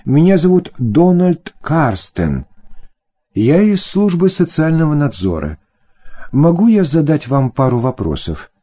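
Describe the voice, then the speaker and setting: A man's voice: fairly high pitch, sing-song, a little slow, warm tone, breathy edge, voice pushed up, full character voice. A man voicing an elderly male American social worker who asks questions politely and with detachment in an audiobook. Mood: formal.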